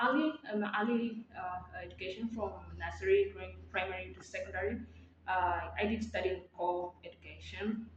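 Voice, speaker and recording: Hesitant Tanzanian woman, echoey lo-fi audio. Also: lowish voice. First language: Maa. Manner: hesitant, many fillers and restarts. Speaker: interviewee. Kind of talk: interview answers. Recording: echoey, dull lo-fi audio with faint noise.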